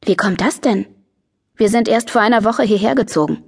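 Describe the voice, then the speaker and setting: A woman's voice: medium pitch, normal speed, vocal fry, breathy edge. A woman reading an audiobook voices a friendly, patient teenage boy who has just moved to town. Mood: calm. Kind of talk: audiobook character voice.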